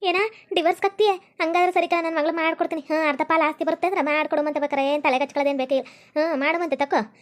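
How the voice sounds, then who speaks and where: Woman, North Karnataka accent, very high and quick, rustic and scolding, cartoon comedy voices. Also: fairly even intonation. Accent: North Karnataka Kannada.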